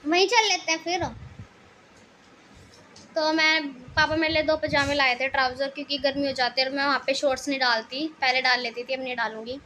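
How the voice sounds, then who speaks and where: High-voiced chatty young woman vlogger. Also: fairly even intonation, brisk, pushed and bright, a little hiss or hum. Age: young adult. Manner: talkative, laughs often, teasing. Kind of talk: casual chatty vlog. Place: at family home, outside.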